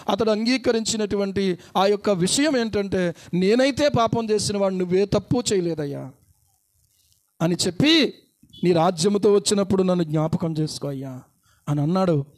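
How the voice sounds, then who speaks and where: Man, pastor, sermon, high-pitched voice, repeated rhetorical questions. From India.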